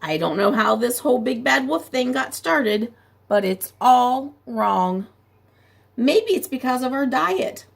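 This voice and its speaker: A woman performs a smooth-talking male wolf in a storybook who pleads his innocence, giving him a gravelly, husky, chatty, and persuasive voice. Her delivery is high, very animated, exaggerated, and slow.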